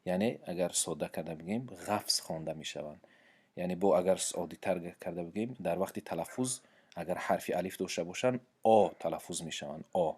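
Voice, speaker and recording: A man with a Tajik accent teaching a Quran recitation lesson, explaining pronunciation patiently with repetitions and hesitant pauses. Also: low voice, darkish tone, husky. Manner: patient, repeats points and examples, frequent hesitations.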